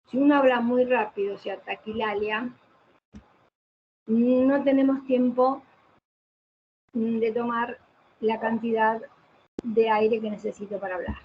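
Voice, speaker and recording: A woman's voice: a little high, fairly even intonation, a little slow, pauses often. A woman giving a didactic online lecture on voice care, posing rhetorical questions and answering them herself. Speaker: voice specialist lecturing. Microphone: computer mic on a video call. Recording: muffled video-call audio with faint hiss.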